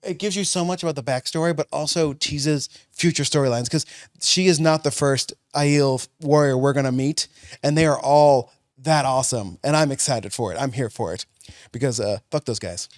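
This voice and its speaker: A man's voice: mid-range voice, normal speed, no room sound, studio quality. A man co-hosting a casual podcast chat in a tavern, joking and swearing freely. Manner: jokey, animated, swears freely. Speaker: podcast co-host.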